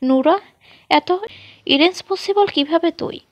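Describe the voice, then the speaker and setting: A woman's voice: very high voice, unhurried, no room sound, voice pushed up. A woman voicing a stern, irritated young man who answers curtly and scolds. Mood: angry. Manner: curt and scolding.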